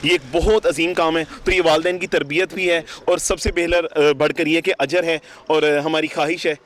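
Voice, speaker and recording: Outdoors beside a city park, a young man with a Pakistani accent answers interview questions as a volunteer organiser. His voice is a little high and flat at a moderate pace, earnest and fluent with pious phrasing, while street noise and passing vehicles carry on around him.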